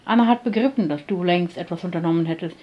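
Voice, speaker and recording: A woman reading the lines of a gentle, tender man in a storybook, speaking softly and calmly in her own voice. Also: lowish voice, fast, lo-fi sound, natural voice. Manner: soft, calm.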